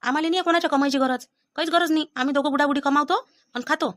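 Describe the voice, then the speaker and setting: Scolding Vidarbha Marathi woman, fast. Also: high voice, steady tone, fairly bright tone, dry recording, clean studio sound. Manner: scolding, blunt village-mother talk. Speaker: comedy sketch performer. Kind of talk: scripted family comedy sketch.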